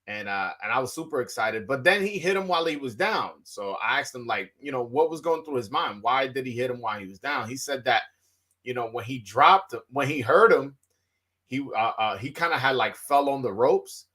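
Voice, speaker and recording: Eager Dominican interviewer, lots of fillers. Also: male voice, mid-range voice, lively intonation, normal speed, bright, forceful tone, husky. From Dominican Republic. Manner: eager, many fillers and restarts. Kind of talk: bilingual interview with own translation.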